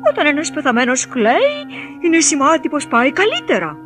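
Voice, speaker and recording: A woman voicing a pompous male owl doctor who declaims loudly. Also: high voice, wildly swooping pitch, soft background music, full character voice.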